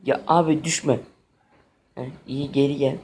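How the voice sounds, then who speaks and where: With a medium-pitched, fairly even and a little mellow voice, this gaming channel host talks somewhat slowly. He narrates a video game in let's-play style, exasperated and addressing both the game and viewers, with slight background noise.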